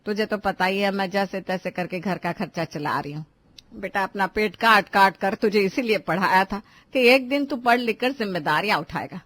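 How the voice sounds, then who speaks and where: A woman's voice: medium pitch, a bit bright. A woman voicing a scolding middle-aged mother who lectures her grown son. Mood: worried. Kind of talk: Hindi cartoon voice acting.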